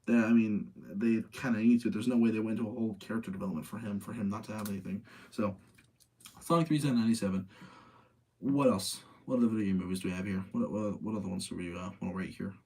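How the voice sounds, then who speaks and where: Tired late at night, a man hosts a casual live rating session, chatting with his audience and rambling as he thinks aloud and gives his opinions. His voice is on the low side, steady, quick, darkish and breathy, and the recording is low quality.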